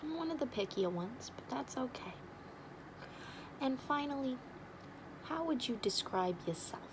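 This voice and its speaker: A woman's voice: sits high, lively intonation, unhurried, background noise, pitched above the performer's own voice. A woman playing a blunt, nosy, wisecracking matchmaker in an ASMR role-play, with an overdone regional accent and teasing sales patter.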